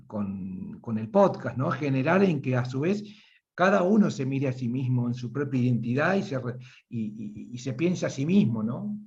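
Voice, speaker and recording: A man's voice: mid-range voice, vocal fry, darkish tone, highs cut off. A man with an Argentine accent hosting a live online panel, reading out audience comments and often repeating words as he searches for them. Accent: Argentine Spanish. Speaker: host and moderator.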